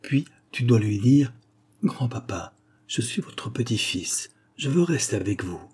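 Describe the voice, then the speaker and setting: A man voicing a scheming, knowing village woman in a storybook reading, talking in a brisk, conspiratorial way. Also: mid-range voice, mellow, slightly rough.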